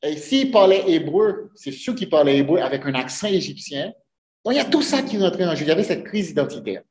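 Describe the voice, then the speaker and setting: A man's voice: fairly high pitch, big pitch swings, a little fast, a little mellow. A man preaching a sermon to his congregation, earnest, often putting rhetorical questions to them. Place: church sanctuary. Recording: echoey church room.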